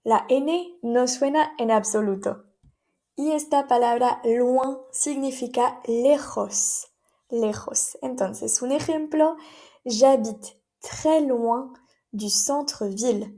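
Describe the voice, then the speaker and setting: A woman's voice: a little high, warm tone. A woman teaching vocabulary in a lesson, carefully modeling pronunciation and translating examples. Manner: slow, careful pronunciation drills. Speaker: French teacher. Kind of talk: language lesson.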